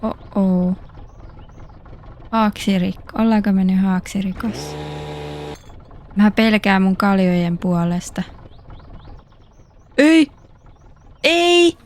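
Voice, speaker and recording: A woman's voice: mid-range voice, steady tone, pauses often, darkish tone, a little hiss or hum. A woman streaming a game, chatting playfully and joking as she plays. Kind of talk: casual game commentary.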